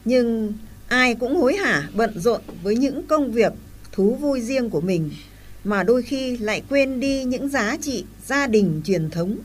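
A woman's voice: fairly high pitch, expressive, measured pace, slightly rough. Woman playing a wise, scolding grandmother. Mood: advising. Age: older. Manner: scolding, then advising.

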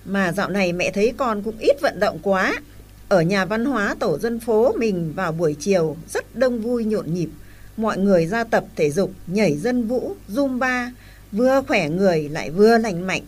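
A woman's voice: mid-range voice, animated, normal speed, lightly acted. Woman playing a wise, scolding grandmother. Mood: advising. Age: older. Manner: scolding, then advising.

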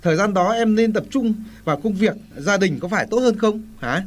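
A man's voice: high voice, expressive, brisk. A man playing an earnest middle-aged husband who lectures his wife about family meals.

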